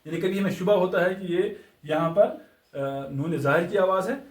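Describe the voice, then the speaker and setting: A high-voiced male teacher walks through a lesson with patient, deliberate explanations, pausing to repeat each example slowly. His voice sounds distant and echoey, as if recorded in a reverberant classroom. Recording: echoey room, voice far from mic.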